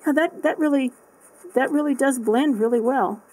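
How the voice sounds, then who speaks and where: A woman's voice: high-pitched, normal speed, darkish tone, slightly rough, low-quality recording. A woman casually chatting through an art supply unboxing, thinking aloud with lots of fillers and restarts.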